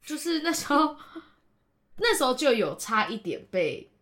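A young woman, a podcast guest telling a personal story in an animated way, laughing often and trailing off into restarts. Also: high voice, a little slow. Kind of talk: casual storytelling.

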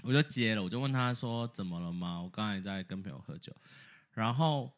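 A man co-hosting a podcast, telling a story in casual chat, animated, laughing often and slipping English words in. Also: on the low side, a little fast. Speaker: podcast co-host.

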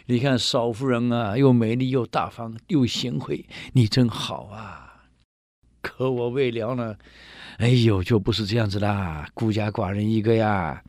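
A man's voice: fairly low pitch, measured pace, darkish tone, no echo, clean studio sound. A man voicing a sly, self-pitying male court strategist who sighs and wheedles. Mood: wheedling. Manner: wheedling, sighing.

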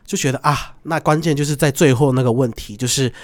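A man's voice: medium pitch, fast talker. A young man with a Taiwanese Mandarin accent, hosting a podcast and telling a story casually and animatedly, laughing often and acting out the voices in it. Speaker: podcast host.

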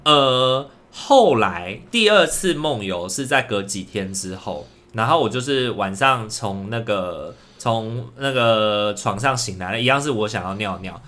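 A young man co-hosting a podcast, telling a personal story in a casual, animated way and acting out the quoted lines. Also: lowish voice, measured pace, hardly any pauses. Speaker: podcast co-host.

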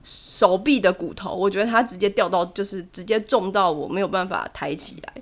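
A woman co-hosting a podcast, telling a story in casual chat and laughing often as she talks. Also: mid-range voice. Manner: tells a story quickly and vividly, often laughing. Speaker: podcast co-host.

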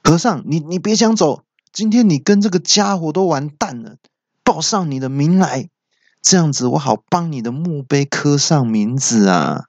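A man voicing a blustering, threatening male mountain thug who shouts his threats. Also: a little high, expressive, moderate pace, no echo, pitched above the performer's own voice. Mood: menacing. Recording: dull lo-fi podcast audio.

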